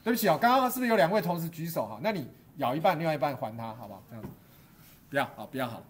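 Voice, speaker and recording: A man's voice: fairly high pitch, lively intonation, rapid-fire, slight background noise. A middle-aged man teaching a stagecraft class, quizzing his students, cracking jokes and dropping English terms into the lecture.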